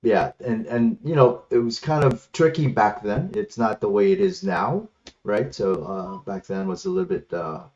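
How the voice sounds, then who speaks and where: On a slightly muffled, lo-fi online call, a martial arts instructor talks into his headset as an interview guest, casually telling his life story. He's a native Ilocano speaker from the Philippines. His darkish voice sits on the low side, with lively intonation and a moderate pace.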